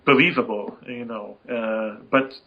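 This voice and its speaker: A man's voice: medium pitch, steady tone, measured pace, lo-fi sound, a little hiss or hum. A man co-hosting a casual gaming podcast, rambling and emphatic, and swearing freely as he talks. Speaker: podcast co-host.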